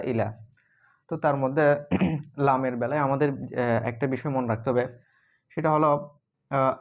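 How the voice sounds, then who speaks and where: A man's voice: medium pitch, dull audio. A man teaching a lesson at a board, explaining step by step with many filler sounds and "okay?" checks. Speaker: Arabic teacher. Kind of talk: casual whiteboard lesson.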